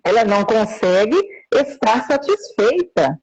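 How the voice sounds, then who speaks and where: A woman's voice: fairly high pitch, big pitch swings. Woman on a choppy, crackly call line. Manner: slow, measured, speaks of faith. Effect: choppy, breaking-up lo-fi call line. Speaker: interview guest. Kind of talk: live interview over a call. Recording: dull lo-fi call audio.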